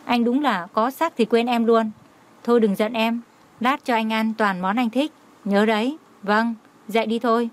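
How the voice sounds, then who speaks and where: A man's voice: very high voice, fairly even intonation, moderate pace. A woman voicing a cheeky, whiny young coworker.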